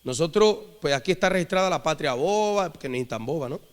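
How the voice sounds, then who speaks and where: A man's voice: fairly high pitch, animated, a little fast. A man preaching a sermon, leading the congregation in repeated call-and-response phrases. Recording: long hall reverb.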